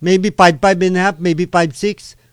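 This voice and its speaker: A man's voice: high voice, fairly even intonation, clear, resonant tone, dry recording, studio quality. Filipino man hosting a radio boxing show. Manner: switches between Tagalog and English, many filler pauses. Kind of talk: radio boxing talk and interview.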